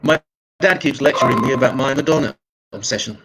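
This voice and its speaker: A man doing a stand-up set of one-liners, deadpan and self-mocking. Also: mid-range voice, brisk, vocal fry, very noisy. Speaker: stand-up comedian.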